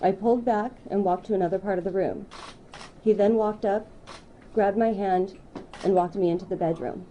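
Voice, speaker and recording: Woman reading a statement, dark-toned. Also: medium pitch, normal speed, a little hiss or hum, low-quality recording. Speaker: speaker at a news conference. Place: news conference room.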